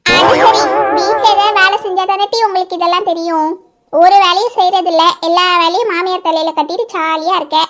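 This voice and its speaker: Woman doing shrill scolding women. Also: fairly quick, a bit bright, soft background music. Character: bickering Tamil village women, high and shrill. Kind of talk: cartoon voice acting.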